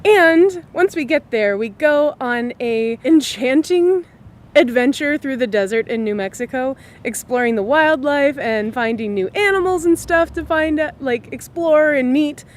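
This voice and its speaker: A woman's voice: high voice, lively intonation, a little slow. A woman vlogger with a wheezy voice, talking casually in a bubbly, playful way to introduce her travels. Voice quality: wheezy, breathy from asthma. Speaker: vlogger, channel host. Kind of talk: enthusiastic casual travel vlog.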